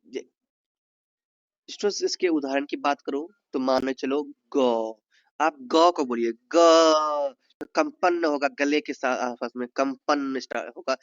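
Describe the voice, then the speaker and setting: A man with a slightly high voice teaches an exam-prep lesson. He explains step by step and keeps asking his students whether they follow. The sound is dull and a little muffled, in a dry, close space. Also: no echo.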